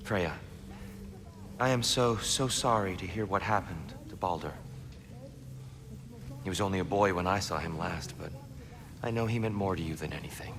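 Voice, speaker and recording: An actor playing a humble, world-weary pacifist god in a video game, earnest and soft-spoken. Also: male voice, deep voice, moderate pace, long pauses, background noise, lightly acted. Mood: tender. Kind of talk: video game character acting.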